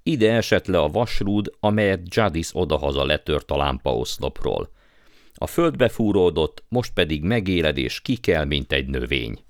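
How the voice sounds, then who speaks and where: A man's voice: extremely low pitch, lively intonation, no echo, studio quality. A man doing an eager young boy. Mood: explaining. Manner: eager, exclaiming.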